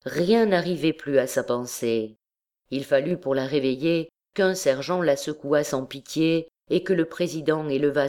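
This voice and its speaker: A woman narrating a classic novel as an audiobook, in a measured, deliberate reading. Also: low voice, mellow. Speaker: audiobook reader.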